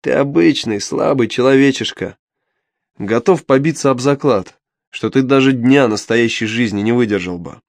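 A man's voice: mid-range voice, normal speed, gravelly, no room sound, close to an everyday voice. A man voicing a sly, mocking male imp with a horned devil's gleeful, taunting manner in an audiobook. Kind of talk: audiobook character voice.

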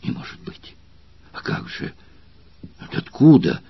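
A man's voice: low-pitched, moderate pace, slightly rough, no room sound, muffled recording. A man reading as Spartacus, a tormented gladiator. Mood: shocked. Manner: earnest, trembling with emotion.

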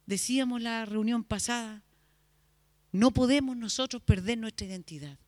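A worship leader speaks to the congregation before singing, with a dry, close sound. The delivery drops to a near-whisper at times, then builds to loud, stirring calls. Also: mid-range voice, dry recording.

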